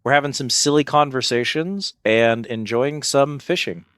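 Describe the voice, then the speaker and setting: A man's voice: medium pitch, moderate pace, fairly bright tone, clear, resonant tone, no room sound. A man hosting a livestream, chatting casually over a game in a rambling, reflective way and often searching for words. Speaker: livestream host. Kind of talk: casual livestream chat while gaming.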